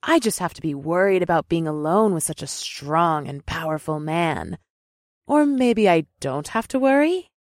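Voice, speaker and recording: Man doing a teasing horned woman, high and swooping, purring, dry close sound. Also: lively intonation, normal speed, dry recording. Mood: flirty purring. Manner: purring, teasing, flares into hissing anger. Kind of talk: audiobook character voice.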